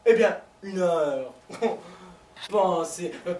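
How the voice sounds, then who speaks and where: In a live comedy show, a male stage actor plays a lovesick man pleading with his lover over the phone, stammering theatrically. His voice sits high with a darkish tone and comes out very slowly. The stage recording is echoey and distant, with slight background noise.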